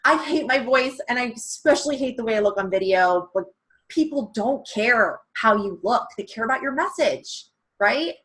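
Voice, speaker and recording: Give me a chatty woman coaching on a video call, with a hoarse, worn-out voice and a frank way of talking. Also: a little high, expressive, normal speed, a bit bright. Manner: chatty, frank, acts out prospects' lines. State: losing her voice. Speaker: presenter of a sales training call. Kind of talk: casual coaching talk.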